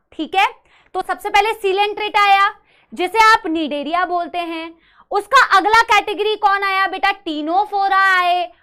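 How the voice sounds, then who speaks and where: Woman teaching biology online, really high bright voice, says each term slow so kids repeat. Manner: slow drilled pronunciation, asks students to repeat. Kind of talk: online class lecture.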